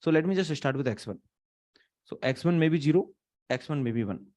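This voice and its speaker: A teacher in his thirties with an Indian accent gives a live online lecture from a small room, thinking aloud with restarts and fillers and slipping into Hindi. His voice sits on the high side with lively intonation, a fairly quick pace and a darkish tone. A webcam setup, not close to him, picks him up.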